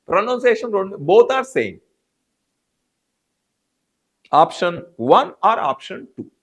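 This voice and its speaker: A man's voice: high voice, very animated, unhurried, slightly rough. A man with an Indian English accent teaching a live online biology class, repeating answers and calling on students by name. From South India. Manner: repetitive, addresses students by name.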